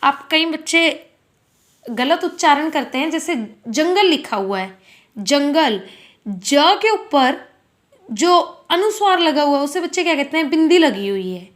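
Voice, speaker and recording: A woman's voice: high-pitched, lively intonation, unhurried. A woman teaching a school grammar lesson, patiently asking questions and answering them herself. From India.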